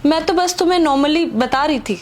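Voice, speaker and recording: A woman's voice: high voice, normal speed, close to an everyday voice. A woman playing a pleading, anxious pregnant wife. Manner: pleading, defensive, emotional. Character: anxious pregnant married woman, secretly in love. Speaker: actor. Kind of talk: Hindi web skit acting.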